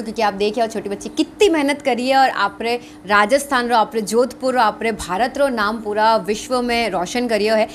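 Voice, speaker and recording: Host woman, Rajasthani accent, fairly high voice, encouraging, faint noise. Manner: encouraging, appeals to viewers directly. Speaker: interviewer and channel host. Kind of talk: casual interview and channel outro.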